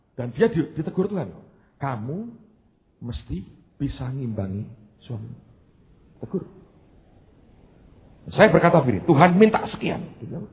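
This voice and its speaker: Animated male preacher on a tinny line. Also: mid-range voice. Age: 40s. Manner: animated preaching, mixes in English phrases, swings from loud to soft. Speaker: pastor. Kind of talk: sermon. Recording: tinny phone-like sound with faint noise.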